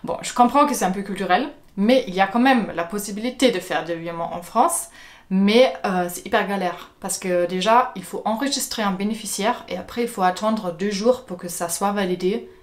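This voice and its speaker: A woman's voice: mid-range voice, brisk. A woman from Germany with a German accent, telling personal stories casually to her viewers, with many hesitations and repeated words. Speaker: vlogger. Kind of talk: casual personal storytelling to camera.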